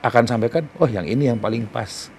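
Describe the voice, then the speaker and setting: A middle-aged man and talk show guest giving an earnest, heartfelt personal testimony in conversation, slow and emphatic. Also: mid-range voice, gravelly, darkish tone, slight background noise.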